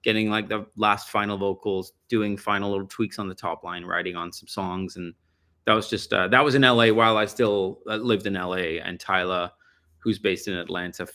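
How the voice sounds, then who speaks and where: A man's voice: low-pitched, fairly even intonation, normal speed, sharp tone. A middle-aged man from Denmark, a musician guest chatting casually in an interview, rambling and correcting himself as he goes. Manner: rambling, self-correcting storyteller.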